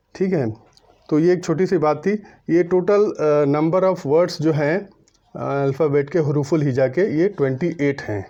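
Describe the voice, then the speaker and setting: A man giving a lecture on Arabic letters, pausing often with fillers and reciting letters slowly. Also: a little high, dark tone, highs cut off. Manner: many hesitation fillers, mixes English terms. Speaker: Arabic grammar teacher.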